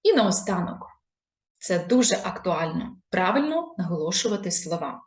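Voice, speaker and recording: A woman tutor giving an online grammar lesson, explaining usage in a clear, explanatory teacher's cadence. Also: lowish voice, big pitch swings, normal speed, roomy sound. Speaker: Ukrainian language tutor.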